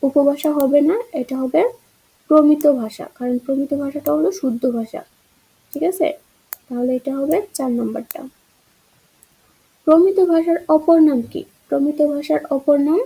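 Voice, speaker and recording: Female teacher, high pitch, soft dark timbre, explains answers step by step. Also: rough recording. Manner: explains answer choices, asks rhetorical checks. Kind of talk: exam-prep grammar lesson.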